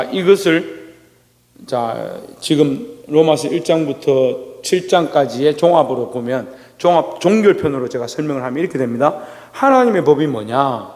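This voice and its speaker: A man preaching a sermon as pastor. He keeps asking the congregation questions and answering them himself, and he swings between loud, rising exclamations and low asides. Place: church sanctuary. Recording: long reverb of a church hall.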